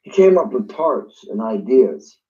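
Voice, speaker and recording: A man with a dark, mellow voice tells his story with a lot of life, jumping into other people's voices as he recounts phone calls. The sound is a bit dull and lo-fi. He talks like an easygoing guest in a casual interview. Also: medium pitch, sing-song, a little slow. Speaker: guest drummer.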